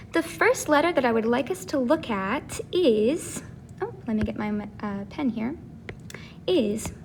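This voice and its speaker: A woman teaching a casual video lesson, who explains slowly and repeats each sound. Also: fairly high pitch, a little hiss or hum. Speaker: Spanish teacher.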